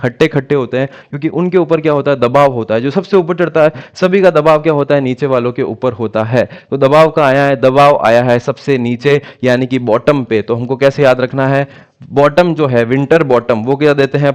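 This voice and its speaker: A young male teacher from India runs an exam-prep class. His voice is smooth and resonant and sits a little high. He chants key names again and again and calls his students "bhaiya.". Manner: asks rhetorical questions and answers them himself. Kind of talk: exam-prep lecture with memory tricks.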